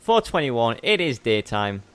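A man's voice: mid-range voice, big pitch swings, unhurried, a bit bright. A young man giving casual gameplay commentary as a let's play host, chatty and rambling, often correcting himself mid-sentence.

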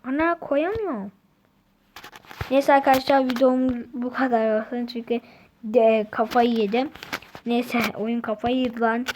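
A woman giving casual, excitable gameplay commentary, talking to herself and her viewers as she plays. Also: a little high, measured pace, a little hiss or hum. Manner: chatty, excitable, talks to self and viewers. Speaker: gaming channel host.

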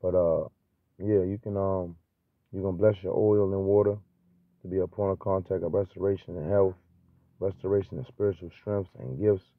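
A man preaching freely and informally, with a stutter, halting and restarting through many fillers. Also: sits low, fairly even intonation, no echo. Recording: tinny phone-like, dry.

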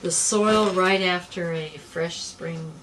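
In a small, cluttered office, a middle-aged extension director casually interviews a guest, effusive and enthusiastic, laughing often. Her voice is lowish, slow, steady and fairly bright, captured on poor audio with slight background noise.

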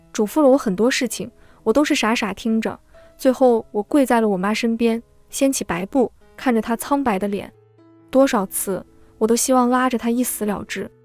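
Bright-voiced woman reading a sad story. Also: on the high side. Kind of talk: scripted first-person story narration. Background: faint background music.

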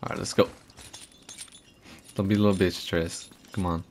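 A young man giving excitable, sweary commentary on his own video game playthrough, often laughing. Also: low-pitched, moderate pace, slight background noise. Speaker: let's play host. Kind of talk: casual gameplay commentary. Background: game music.

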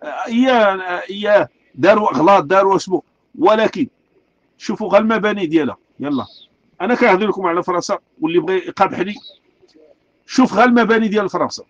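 A man's voice: sits high, lively intonation, quick pace, pauses often, dry recording, muffled recording. A man with a Moroccan Arabic accent, delivering an angry, repetitive rant full of rhetorical questions. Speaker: street artist speaking out. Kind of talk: impassioned rant.

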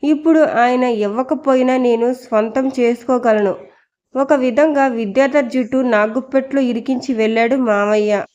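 A haughty, spiteful young heiress, voiced by a woman narrator in an audio storybook. She talks in a scornful, commanding way in a fairly high voice. The recording sounds dull and lo-fi. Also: normal speed, darkish tone, close to an everyday voice. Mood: gloating.

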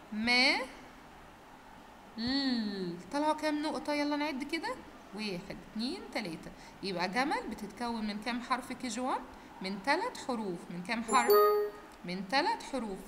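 A woman's voice: sits high, a bit bright, long reverb tail, a little hiss or hum. A young woman with an Egyptian accent, a kindergarten teacher giving a recorded phonics lesson, stretching out letter sounds and quizzing the class in a sing-song way.

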